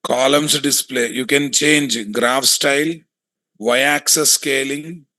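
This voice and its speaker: A man with a Telugu Indian accent giving a hands-on software tutorial, thinking aloud, repeating himself and often putting questions to his students. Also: mid-range voice, steady tone, slow, dry recording. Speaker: software testing instructor.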